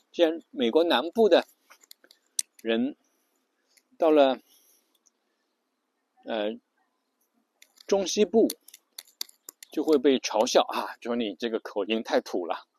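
A man's voice: fairly high pitch, big pitch swings, takes it slowly, pauses often, darkish tone, slightly rough, no room sound. A man giving a casual spoken lesson, chatty and full of fillers, often stopping to ask his listeners a question.

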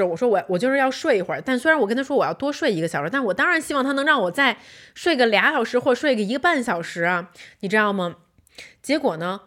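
A woman in her thirties, a podcast co-host, telling a personal story in casual chat, animated and laughing often, with English words mixed in. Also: on the high side.

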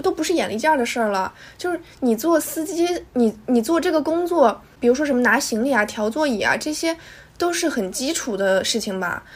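Fast chatty young woman podcast cohost, kinda high voice, indignant. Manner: brisk, indignant storytelling. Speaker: podcast co-host. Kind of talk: casual chat.

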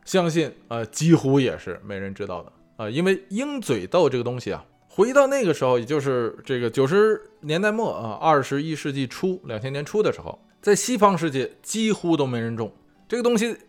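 A man's voice: medium pitch, sing-song, fairly quick, faint music behind. Chatty male food show host. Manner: chatty, many fillers and rhetorical asides. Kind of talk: casual explainer monologue. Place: lives in California.

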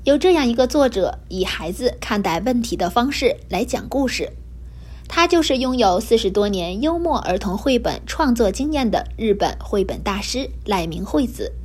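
Expressive woman reading to children. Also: a little high, normal speed, breathy edge. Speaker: host of a children's learning program. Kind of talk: storytelling for children.

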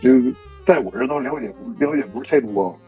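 A man's voice: mid-range voice, animated, soft background music. Hesitant Northeastern Chinese man, dull sound. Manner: halting, hesitant recollection. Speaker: podcast co-host. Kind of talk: casual chat.

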